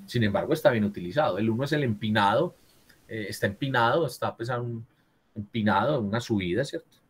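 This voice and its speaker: During a video-call writing class, a man corrects his students and often checks in, repeatedly saying "¿cierto?". His voice is medium in pitch with a breathy edge, and he talks a little fast.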